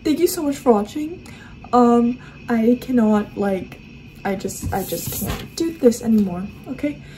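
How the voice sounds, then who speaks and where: A woman's voice: a little high, unhurried, warm tone, slight background noise, rough recording. A tired young woman vlogging casually at home late at night, exasperated and dramatic, peppering her talk with "like". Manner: exasperated, dramatic, heavy use of "like". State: exhausted, tired. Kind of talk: casual day-in-my-life vlog.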